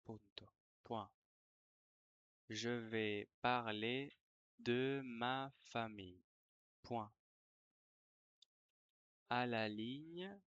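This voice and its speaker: A teacher dictating slowly to language learners, word by word, repeating phrases and calling out punctuation. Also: mid-range voice, a bit bright, clear, resonant tone, no echo, dull audio. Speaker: French teacher.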